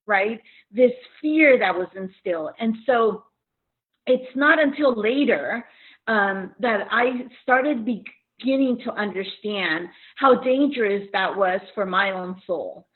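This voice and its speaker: Middle-aged woman from Mexico, co-host telling a story, earnest and halting, tinny phone-line sound. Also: mid-range voice. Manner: earnest, many fillers and restarts. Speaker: podcast co-host. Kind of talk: casual chat, personal story.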